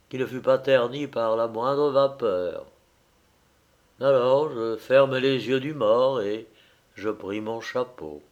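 A man narrating a literary audiobook in a measured, solemn reading. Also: medium pitch.

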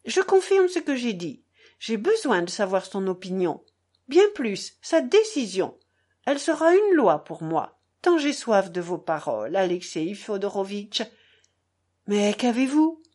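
A woman's voice: mid-range voice, big pitch swings, a little mellow. A woman reading aloud, voicing an emotional, fervent young society woman in a pleading manner. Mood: insistent. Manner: emotional, pleading, quick shifts.

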